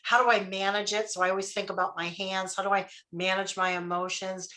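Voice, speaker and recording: A woman's voice: mid-range voice, level tone, brisk, bright, forceful tone. A woman leadership coach giving a live workshop, talking conversationally, quizzing her audience and checking in with "right?" and "okay?".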